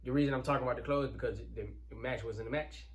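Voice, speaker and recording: A man's voice: medium pitch, fairly even intonation, quick pace. Man, co-host, laid-back, repeats words, casual chat. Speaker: co-host of a wrestling reaction channel.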